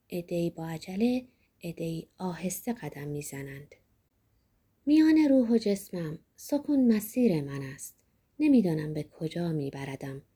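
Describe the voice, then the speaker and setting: A woman reading a reflective first-person diary as scripted narration, soft-spoken and often sinking to a near whisper. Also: lowish voice, slightly rough.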